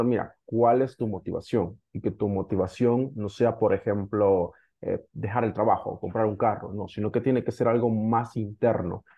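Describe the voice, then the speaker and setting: A man, a guest telling his story candidly, rambling with filler pauses. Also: lowish voice, creaky, lo-fi sound. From El Salvador. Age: 30s. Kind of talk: casual interview storytelling.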